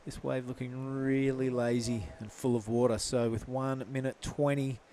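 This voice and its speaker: A man's voice: mid-range voice, level tone, moderate pace, warm tone, a little hiss or hum. A man giving live surf contest commentary in a laid-back, casual surfer announcer manner.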